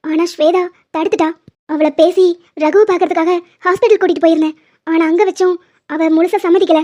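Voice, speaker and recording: A very high, piping voice with a dark, mellow tone: an impulsive, loyal young heroine, as a woman dubs her in a cartoon love story. She pleads and presses with tearful urgency. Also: dull audio. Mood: anxious. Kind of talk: Tamil cartoon dubbing.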